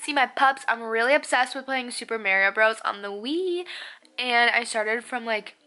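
A woman's voice: on the high side, moderate pace, pushed and bright, soft background music. A young woman in her twenties, chatting casually to camera in a lifestyle vlog, bubbly and full of "like" fillers. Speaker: beauty and lifestyle vlogger.

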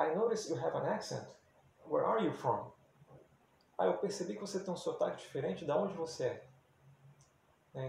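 A man's voice: on the high side, creaky, dark tone. A man from Brazil giving a casual English lesson, explaining step by step and often adding tag questions. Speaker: English teacher. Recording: very echoey room, faint background hum.

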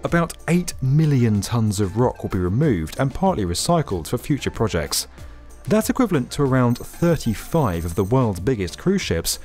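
Man, scripted documentary voice-over, animated pitch, faint background music. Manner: lively, upbeat explainer delivery. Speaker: narrator.

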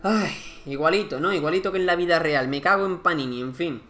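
Man, gaming commentator; higher-pitched, chatty, thinks aloud. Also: fairly quick, bright, forceful tone. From Spain. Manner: chatty, thinking aloud, counting units and resources. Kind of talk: casual let's-play commentary.

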